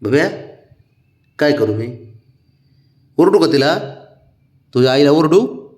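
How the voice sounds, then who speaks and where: In an animated but slow-paced way, a man coaxes his pet cat with baby talk, his tone somewhat dark. He's soothing and pleading, his pitch swooping up high on questions.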